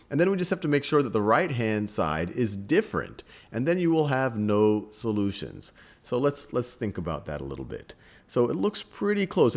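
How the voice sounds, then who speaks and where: A man talks through a math problem as if at a blackboard, thinking aloud and repeating himself now and then. His fairly low voice moves a lot in pitch, rising and falling as he explains. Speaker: math teacher.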